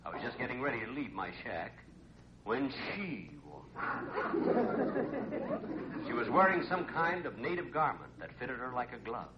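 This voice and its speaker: Man playing a deadpan castaway narrating old radio comedy, lively pitch, loud crowd behind. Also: moderate pace, long pauses, highs cut off, natural voice. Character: castaway man narrating his island adventure, drily earnest.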